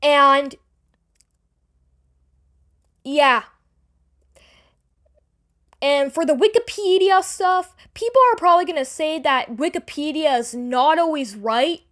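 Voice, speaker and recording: A woman giving an unscripted, defensive personal explanation to an online audience, rambling and halting with repeated words and casual swearing. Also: sits high, fairly bright tone. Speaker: online creator addressing the audience. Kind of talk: unscripted personal apology and self-defence video.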